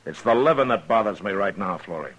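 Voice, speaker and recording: An American man acting a stern, level-headed Old West marshal in a 1950s radio western, speaking in a measured, firm, understated way. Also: on the low side, animated, natural voice. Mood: stern, resolute. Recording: noisy 1950s radio broadcast recording.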